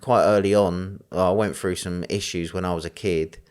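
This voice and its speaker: A man with a strong East London accent talks as an interview guest, his voice sitting very low. He rambles, fills pauses with ums and you-knows, and laughs easily as he goes. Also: fairly even intonation, darkish tone, clear, resonant tone. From East End of London, England. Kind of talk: conversational interview.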